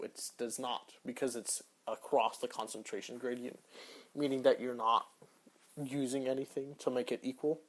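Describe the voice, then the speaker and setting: A young man hosting a casual solo podcast, answering search-engine questions in an offhand, rambling way that often trails off quietly. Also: medium pitch. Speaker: podcast host.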